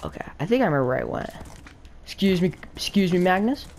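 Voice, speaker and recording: A woman playing a game with a friend, talking excitedly and nervously through every move in casual chat. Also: on the low side, fast, slight background noise. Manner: frantic, excitable, talks through each move aloud. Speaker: gaming channel co-host. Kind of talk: casual let's play chat.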